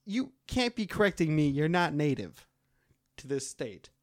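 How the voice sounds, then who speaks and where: A man with a Wisconsin accent co-hosts a casual podcast, teasing his partner and laughing easily. His voice sits a bit high for a man, recorded close and dry with no room sound. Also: sing-song, dry recording. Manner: bantering, quick to laugh, teasing. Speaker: podcast co-host. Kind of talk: casual chat.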